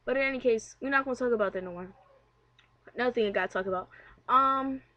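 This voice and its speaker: A woman's voice: a little high, fast talker, highs cut off. A young woman vlogging a casual, personal rant in a candid, conversational, slangy way, swearing freely. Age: young adult.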